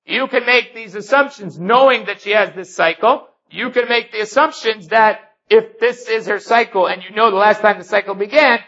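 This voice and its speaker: A man's voice: high-pitched, normal speed, few pauses, sharp tone, lo-fi sound. A man teaching a Talmud lesson, reading each Aramaic phrase and then explaining it step by step. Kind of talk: Talmud study lecture.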